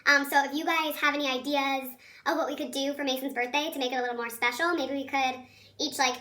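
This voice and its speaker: A woman with a squeaky, helium-like chipmunk voice teaching children in a chatty, encouraging, informal video lesson. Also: fairly even intonation, quick pace, bright, forceful tone. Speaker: elementary school teacher.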